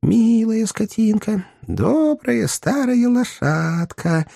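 A man voicing a hapless young gentleman rider who coaxes and pleads anxiously. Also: high-pitched, animated, takes it slowly, creaky, slightly rough, no echo, clean studio sound, voice pushed up, full character voice. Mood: coaxing. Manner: pleading, coaxing in a raised voice. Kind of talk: audiobook character voice.

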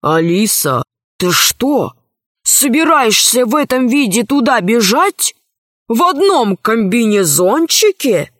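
A woman's voice: fairly high pitch, sing-song, slow pace, dry recording, clean studio sound, full character voice. A woman reading as a fussy, scolding director. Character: stern adult male director, fussy and scolding.

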